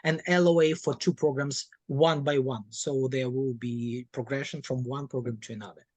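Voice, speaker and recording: A woman's voice: rumbling low, fairly even intonation, moderate pace, a little mellow, no room sound. A woman speaking as a college representative on a video call, explaining informally through anecdotes.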